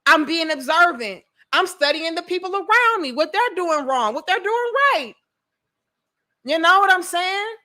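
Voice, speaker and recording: Young woman, St. Louis accent, high pitch, bright forceful tone, emphatic, opinionated, informal livestream commentary. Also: animated, normal speed. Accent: St. Louis, Missouri. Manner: blunt, emphatic, repeats phrases, swears freely. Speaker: livestream host giving relationship commentary.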